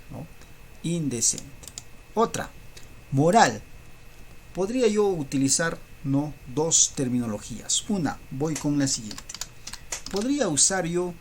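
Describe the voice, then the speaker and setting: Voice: medium pitch, a little mellow, a little hiss or hum. A teacher giving a recorded school lesson, explaining step by step and checking in with rhetorical tag questions.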